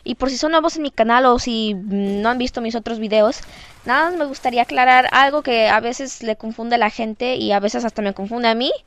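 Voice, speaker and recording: A teenage girl with a Mexican Spanish accent, chatting to her viewers in a casual vlog. Her voice is on the high side, smooth and clear. She sounds lively and pokes fun at herself, recorded close up in a dry room. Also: brisk, dry recording. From Canada. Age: teens. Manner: chatty, lively, self-mocking. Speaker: vlogger.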